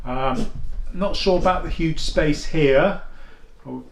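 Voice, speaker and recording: A deep, gravelly male voice takes its time in a casual at-home vlog reviewing headphones. He talks chattily and thinks aloud, often restarting and using fillers, while the indoor recording sounds roomy and carries a little hiss or hum.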